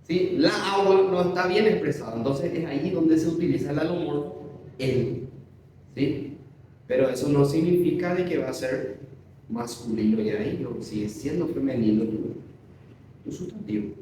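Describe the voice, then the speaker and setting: A man's voice: on the high side, normal speed, warm tone, a little hiss or hum. Distant echoey male teacher explaining grammar. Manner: keeps checking understanding with tag questions. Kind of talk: classroom grammar lesson. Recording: very echoey room, voice distant from mic.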